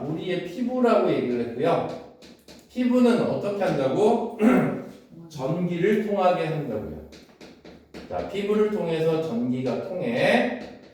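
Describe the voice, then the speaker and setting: Lively teacher echoing in a classroom. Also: male voice, fairly high pitch. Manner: keeps checking understanding with quick questions; switches between polite and casual speech with students. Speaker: English teacher. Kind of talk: classroom lecture on exam passages. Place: classroom with students. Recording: very echoey room from a distance.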